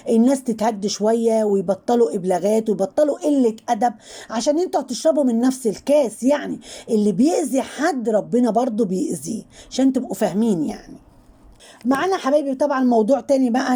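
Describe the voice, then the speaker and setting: Give me a quick, slightly high-voiced Egyptian woman doing teasing gossip commentary. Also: dark tone, breathy edge. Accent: Egyptian Arabic. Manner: chatty, mocking, repeats filler words constantly. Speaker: channel host commenting on online personalities.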